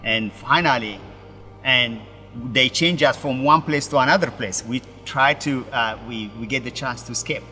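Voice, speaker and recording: Halting Ethiopian-born pastor, bright roomy sound. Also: male voice, medium pitch, soft background music. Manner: halting, broken English with many restarts. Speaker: pastor, interview guest. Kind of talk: personal story in an interview.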